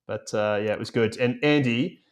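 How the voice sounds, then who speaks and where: A man's voice: medium pitch, moderate pace. A man co-hosting and producing a podcast, chatting casually and telling rambling stories with many fillers. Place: remote, recording away from home.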